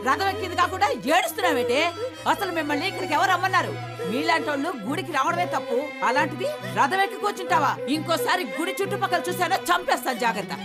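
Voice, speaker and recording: A haughty village matriarch scolds and gives orders with open contempt. She talks high and quick. Loud film music runs underneath her. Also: expressive. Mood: scornful. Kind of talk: Telugu film acting.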